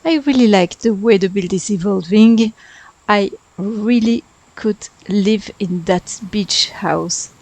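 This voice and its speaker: A Sims speedbuild YouTuber in her thirties, native French with a French accent, talks through a build in a slow, slightly mellow mid-range voice. She's chatty and self-deprecating, and the dry recording sounds rough.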